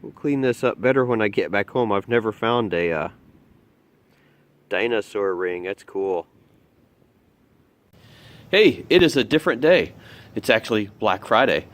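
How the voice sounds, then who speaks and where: A fairly low, expressive male voice narrates casually as he digs in a muddy field, vlogging his metal detecting finds and thinking out loud. He keeps a measured pace with long pauses.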